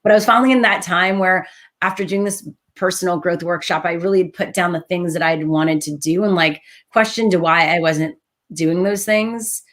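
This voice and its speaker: A woman with a fairly low voice chats in a casual, reflective way. She explains herself earnestly and with animation, as if in an easy conversation. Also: normal speed, fairly bright tone. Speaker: talk host.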